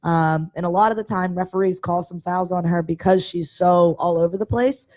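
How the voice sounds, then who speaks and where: A woman in her twenties, a basketball coach answering interview questions in an upbeat, energetic way on a handheld mic. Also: lowish voice, moderate pace. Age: 20s. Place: indoor studio set with banner backdrop.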